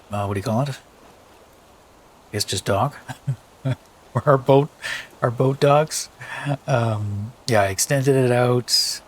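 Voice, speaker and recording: A man with a tired voice giving casual, rambling let's play commentary, thinking aloud with many fillers. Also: mid-range voice.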